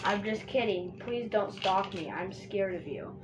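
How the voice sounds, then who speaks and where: A woman's voice: mid-range voice, measured pace. A woman chatting casually while she draws, rambling and joking and filling her talk with "like". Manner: chatty and joking, says "like" constantly. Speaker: vlogger drawing on camera. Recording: dull, noisy home recording.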